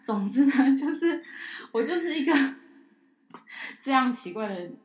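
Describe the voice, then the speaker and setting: A woman's voice: high voice, unhurried, reverberant. A woman co-hosting a casual podcast chat, telling a story and acting out the voices in it, with a Taiwanese Mandarin accent. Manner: animated storyteller who acts out a child and herself. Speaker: podcast co-host.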